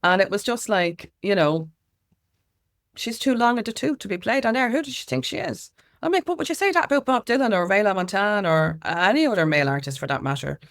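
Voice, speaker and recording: This time her voice is mid-range, with lively intonation and a slightly fast pace. As an Irish-accented interview guest who consults on music and campaigns, she talks informally and emphatically, acting out other people's remarks within animated stories.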